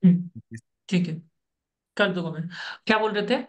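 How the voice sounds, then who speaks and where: Leading an online interview coaching session by video call, this man sounds brisk and instructive and keeps repeating the main points. His voice sits high, and the audio is dull.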